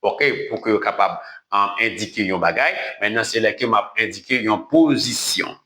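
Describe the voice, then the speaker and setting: A man teaching an online language lesson in a bright, forceful voice. He drills each word slowly several times and checks that listeners follow with a quick "ok?". The sound rings around a roomy, echoey space. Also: lowish voice.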